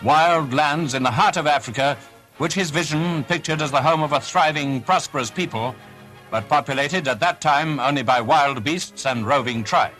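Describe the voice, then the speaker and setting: A man's voice: a little high, normal speed, fairly bright tone, soft background music, poor audio. A man narrating formally, played from a 1940s newsreel. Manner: formal, declamatory. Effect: played from an old newsreel.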